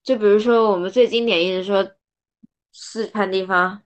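A woman chatting casually on a book podcast, lively and quick to laugh while giving examples. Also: mid-range voice. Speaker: podcast co-host; former translation student. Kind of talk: casual book-club chat.

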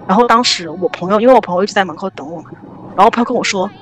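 Young woman, very fast speech, rambling, animated, casual ghost story. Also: medium pitch, slight background noise. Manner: rambling, animated, many restarts. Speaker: podcast guest storyteller.

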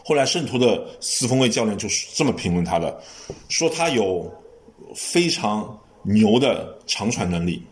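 A man hosting a casual sports podcast chat, giving long lively explanations with frequent restarts. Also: lowish voice, normal speed. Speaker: podcast host.

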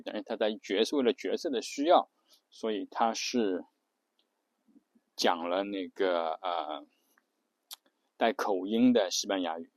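A man's voice: on the low side, no room sound. A man telling a story casually, hesitating often with filler sounds.

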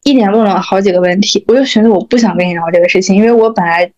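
A woman co-hosts a casual podcast chat, telling her stories in a quick, chatty way. The audio is dull and lo-fi. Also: medium pitch, darkish tone. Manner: chatty storytelling with laughs. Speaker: podcast co-host.

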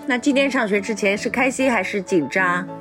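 A woman's voice: medium pitch, fairly quick, music in the background. A woman in her thirties, a mother chatting casually with her child, playfully teasing and coaxing, often breaking into laughter. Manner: coaxing and gently questioning. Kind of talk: casual family chat.

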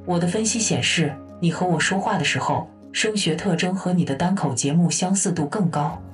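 A woman voicing a calm female AI voice assistant who talks in an even, matter-of-fact way. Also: lowish voice, brisk, recorded from a distance, soft background music, natural voice.

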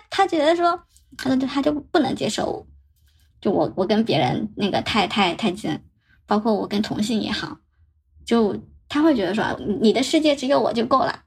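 A young woman telling her own story on a podcast, halting and often repeating words as she recounts past conversations. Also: medium pitch, slightly rough. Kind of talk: personal storytelling.

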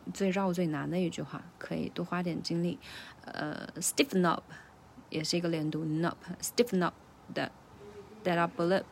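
A woman teaching English pronunciation, breaking lyric lines into their sounds and repeating them slowly. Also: on the low side, vocal fry, a little hiss or hum. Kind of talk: casual singing-style pronunciation lesson.

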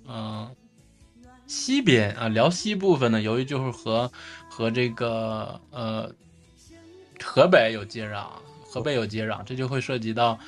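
He's a podcast co-host from Northeastern China by accent, talking casually in a mid-range voice while soft music plays underneath. His explanations come out haltingly, with many repeated phrases.

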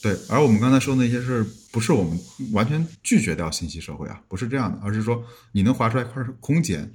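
Fast-talking husky man musing. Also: mid-range voice, animated, a little mellow. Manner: musing, often restarts words. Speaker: podcast guest. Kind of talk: casual podcast chat.

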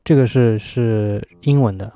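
A man talking on his own about poetry in a relaxed, thoughtful way, often pausing on fillers as he thinks aloud. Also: lowish voice, dry recording, soft background music. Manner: thoughtful, hesitant, many fillers. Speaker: vlogger. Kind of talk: casual solo talk about poetry.

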